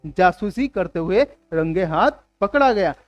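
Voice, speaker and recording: A man teaching English vocabulary in Hindi for exam prep. He reads English words and sentences slowly and keeps asking the class whether they understood. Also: high voice, lively intonation, no echo, muffled recording. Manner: asks the class rhetorical questions.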